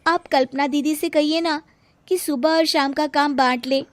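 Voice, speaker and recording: Younger daughter-in-law acted by a woman: overworked, plaintive, pleading, very high story voice. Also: steady tone, moderate pace, no room sound, close to an everyday voice.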